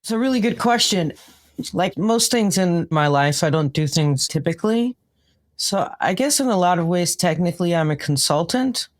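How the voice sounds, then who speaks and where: A New York woman with a lowish voice speaks animatedly at a normal speed as a podcast guest. She is a consultant and trainer, and in the interview she explains her work.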